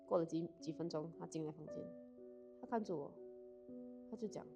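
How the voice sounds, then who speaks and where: Fast-talking young woman, low voice. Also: creaky, over music. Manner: fast, mixes Mandarin and English mid-sentence. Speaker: guest. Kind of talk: candid personal storytelling.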